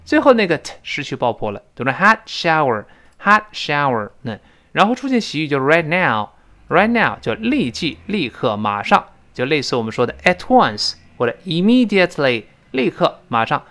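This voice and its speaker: A man teaching a spoken English lesson whose first language is Chinese. He explains at length with many fillers and repeats words slowly to model pronunciation. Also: on the high side, very animated, fairly bright tone.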